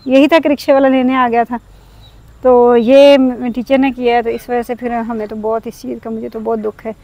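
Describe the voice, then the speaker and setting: Brief: high-pitched woman in her thirties, aggrieved, earnest vlog talk, recorded outdoors in a village. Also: little pitch movement, normal speed, dark tone, no echo. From Pakistan. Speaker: vlogger.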